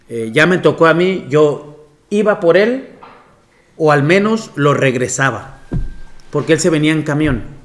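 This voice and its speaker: A man, a monsignor telling anecdotes in a lecture and often laughing. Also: fairly high pitch. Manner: storytelling with frequent laughter.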